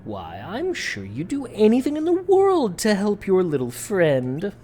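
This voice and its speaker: A woman's voice: medium pitch, huge pitch swings, a little slow, dark tone, soft background music, voice pushed up. Woman playing a sly, coaxing sea witch. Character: scheming sea witch, silky and false.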